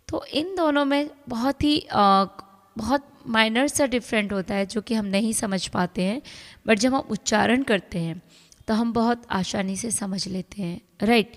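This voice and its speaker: A woman teaching a pronunciation lesson, explaining step by step and mixing Hindi with English, often checking in with "right?". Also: on the high side. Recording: long hall reverb.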